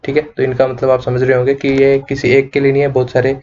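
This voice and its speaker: A man's voice: medium pitch, completely flat delivery, fast talker, a little mellow. A man with an Indian accent teaching an online English grammar lecture, explaining in Hindi mixed with English, with many fillers and rhetorical questions. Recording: dull lo-fi recording.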